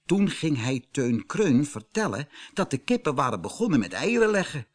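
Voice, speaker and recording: A man narrating a children's storybook with lively storytelling intonation. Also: fairly high pitch, normal speed. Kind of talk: storybook reading.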